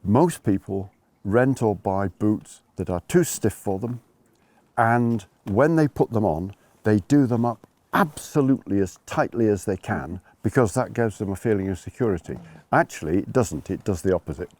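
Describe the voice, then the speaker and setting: A man's voice: on the low side, animated, normal speed, a little mellow, no room sound. A man working as a ski instructor, explaining things informally to learners in an emphatic way, rephrasing and repeating his points.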